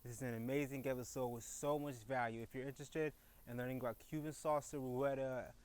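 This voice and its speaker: Smooth-voiced upbeat podcast host. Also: male voice, medium pitch, fairly even intonation, fairly quick, a little mellow. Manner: upbeat and effusive. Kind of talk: episode introduction.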